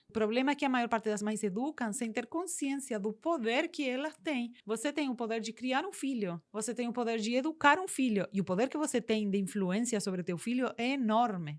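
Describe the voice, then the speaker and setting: A woman delivers a parenting lesson in a fairly high voice. She speaks firmly and emphatically and presses her points with rhetorical questions. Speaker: parenting educator. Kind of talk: direct-to-camera parenting lesson.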